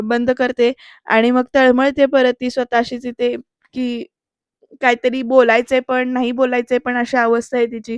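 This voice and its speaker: A woman's voice: a little high, clear, resonant tone, no echo, highs cut off. A woman giving a voice-over recap of a TV serial episode, retelling the scenes in a chatty way and often speaking straight to her viewers.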